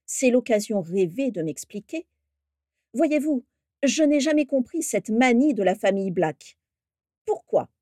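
A haughty wizard of an old pure-blood family sneers and gloats over his rivals, put on by a woman reading the story. The tone is warm and mellow, and the recording is dry and close. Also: a little high, no echo. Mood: mocking. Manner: mocking, gloating. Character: haughty scheming aristocratic wizard, man.

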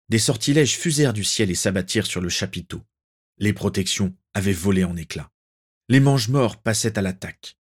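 A man narrating a fan-fiction story aloud in a measured, dramatic storytelling way. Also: on the low side, husky.

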